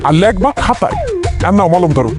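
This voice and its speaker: A woman's voice: fairly low pitch, sing-song, brisk. A woman playing a young daughter-in-law who is hard of hearing and cheerfully mishears everything. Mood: chirpy. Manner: mishears words and answers cheerfully with confident nonsense. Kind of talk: village comedy drama acting. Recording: drama soundtrack with music behind.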